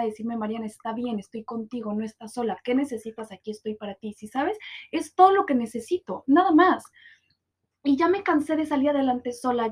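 A young woman with a Mexican Spanish accent, hosting a personal podcast and talking candidly and emotionally, with many fillers and restarts. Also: on the high side. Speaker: podcast host.

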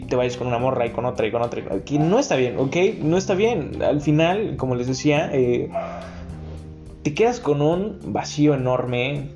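Young Mexican man, crude joking rant; low gravelly voice, dull lo-fi recording. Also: mellow. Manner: crude, joking rants with slang. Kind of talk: casual storytelling monologue.

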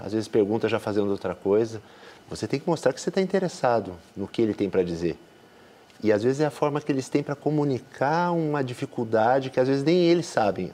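Male doctor guest, calm explainer with a mellow tone. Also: mid-range voice. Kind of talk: expert guest in an interview.

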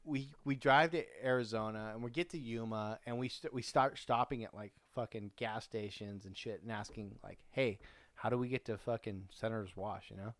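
A man's voice: fairly low pitch, normal speed, no room sound. A man co-hosting a podcast, telling road-trip stories in a loose, profane, laid-back way with lots of restarts. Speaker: podcast co-host. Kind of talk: casual chat, swapping road-trip stories.

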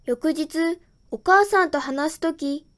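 A woman's voice: sits high, slow, a bit bright. A woman reading a children's story aloud in the first person, in a plain storytelling manner. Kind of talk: scripted children's story narration.

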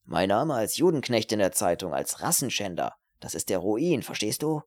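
A man's voice: fairly low pitch, big pitch swings, moderate pace. A man voicing a selfish, cowardly young male student in an audiobook, pleading nervously and turning spiteful. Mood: anxious. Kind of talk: audiobook character reading.

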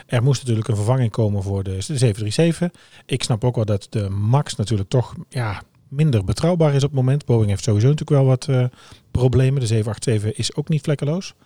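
A man's voice: medium pitch, fast, hardly any pauses, dark tone, no echo. A man with a Brabant accent, co-hosting a podcast in chatty, enthusiastic casual talk. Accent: Brabant Dutch. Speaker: podcast co-host. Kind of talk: casual chat.

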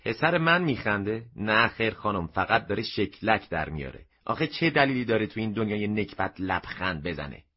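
A man's voice: on the low side, sing-song, few pauses. A man voicing a bitter, nagging shopkeeper mother in an audio story, scolding sharply. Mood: scornful. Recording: dull lo-fi recording.

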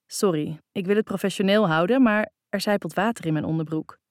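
A man's voice: high-pitched, a little fast, no echo, studio quality. A woman reading a teasing flirty man. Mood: playful teasing. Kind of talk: audiobook character voice.

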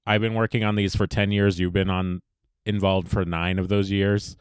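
Brief: young male podcast host, low smooth voice, dry and reflective. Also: flat delivery, moderate pace, dry recording. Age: young adult. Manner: easygoing, reflective, dry humor. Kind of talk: casual chat.

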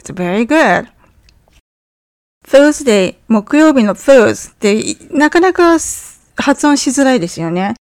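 A woman with a fairly high voice leads an English lesson, explaining phrases and running repeat-after-me drills. She sounds friendly and encouraging when she says the English lines. The recording is dry and close, with no room sound. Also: very animated, a little slow, few pauses, no echo. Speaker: English teacher.

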